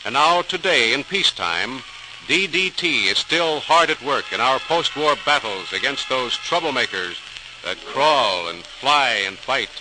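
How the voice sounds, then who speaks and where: On a noisy old radio transcription recording, a man announces a scripted 1940s radio programme with formal, dramatic declamation. He speaks unhurriedly, his medium-pitched voice full of lively intonation.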